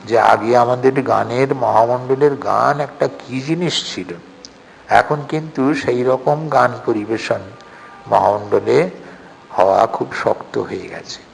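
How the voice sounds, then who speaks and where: An older man giving a spiritual talk to young people in slow, earnest exhortation, reciting passages and then explaining them. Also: mid-range voice, gravelly, soft background music. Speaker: speaker addressing a youth organization. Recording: hall reverb, faint background noise.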